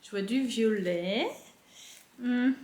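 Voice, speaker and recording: A young woman casually chatting as she unboxes books at home, gushing with excitement and using lots of fillers. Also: a little high, slow pace, a little hiss or hum. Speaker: book unboxing vlogger. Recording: echoey room.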